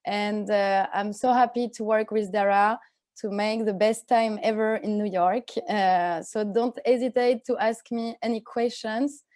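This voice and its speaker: A woman with a French first language introduces herself on a video call. Her voice sits at a middling pitch, the sound is dry and close, and her English is warm and a little unidiomatic. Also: steady tone, measured pace, no echo. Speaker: program coordinator. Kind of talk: self-introduction.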